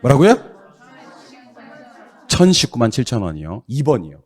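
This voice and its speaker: Middle-aged male classroom instructor, lowish voice that swings widely, quick to scold and tease. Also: big pitch swings, some chatter behind. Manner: brisk, scolding, teasing, loud bursts of exasperation. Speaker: real estate exam instructor. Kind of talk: classroom lecture drilling students.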